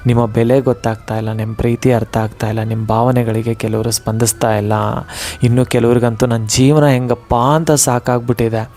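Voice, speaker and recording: A man's voice: medium pitch, completely flat delivery, quick pace, dark tone. A man giving an earnest, emotional devotional motivational talk, repeating phrases for emphasis.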